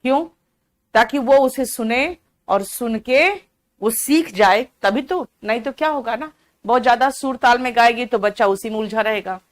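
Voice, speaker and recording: Drowsy from cold medicine yet still chatty, a woman with a fairly high voice teaches a live online exam-prep class at normal speed. She walks students through an English comprehension passage, slipping English words into her speech and replying to each student by name.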